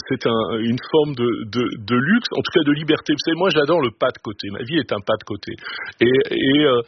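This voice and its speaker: A man in his sixties, a chef being interviewed on radio, talking in a thoughtful, musing way with frequent pauses. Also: mid-range voice. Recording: muffled radio broadcast with hiss.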